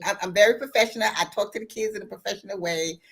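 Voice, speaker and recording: Older Southern woman, talk host, chatty storyteller, mid-pitched voice. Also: rapid-fire, creaky, slightly rough. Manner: animated storytelling with many fillers. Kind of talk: casual chat.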